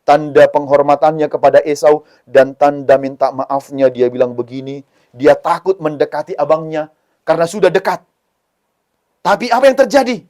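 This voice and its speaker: Animated man preaching to children. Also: on the high side, moderate pace. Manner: animated, addresses children directly. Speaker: Sunday school preacher. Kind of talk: children's sermon storytelling.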